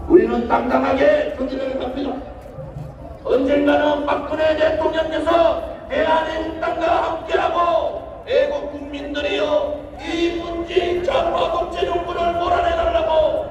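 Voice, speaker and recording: Male political orator, roaring and rallying at full shout, distant booming PA with crowd noise. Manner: shouting, drawn-out slogans, rousing exhortation. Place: large outdoor rally, heard over loudspeakers. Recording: echoey outdoor PA from afar, crowd noise.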